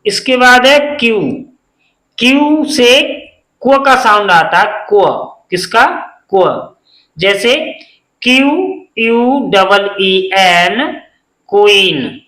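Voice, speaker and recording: A man's voice: extremely high pitch, animated, slow, bright, forceful tone, roomy sound, rough recording. A man teaching a beginners' phonics lesson, spelling words letter by letter and answering his own questions.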